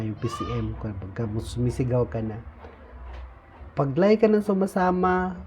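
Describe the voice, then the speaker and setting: A man explaining levels of membership in an informal talk, pausing often on fillers and tagging lines with "no?". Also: mid-range voice, warm tone. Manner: frequent "no?" tag questions, halting with fillers. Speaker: speaker explaining insurgent recruitment levels. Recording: dull lo-fi recording with faint noise.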